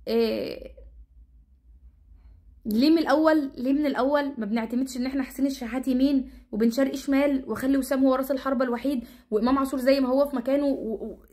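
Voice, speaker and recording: A woman's voice: high voice, steady tone, mellow. A woman with an Egyptian Arabic accent giving exasperated, repetitive football commentary in a casual rant. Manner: exasperated, repetitive, rapid-fire ranting.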